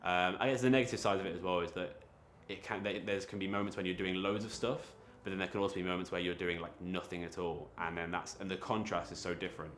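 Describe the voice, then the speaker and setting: Young man with a very deep voice. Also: fairly even intonation, fairly bright tone, slight background noise. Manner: halting, many fillers and restarts. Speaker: creative interviewee. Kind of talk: casual reflective interview.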